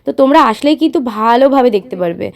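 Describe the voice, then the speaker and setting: A woman's voice: sits high, lively intonation, racing, vocal fry, darkish tone. A woman vlogger with a Bengali accent, explaining step by step in a voice-over and addressing viewers directly with frequent filler sounds. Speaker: travel vlogger. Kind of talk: voice-over explaining online booking.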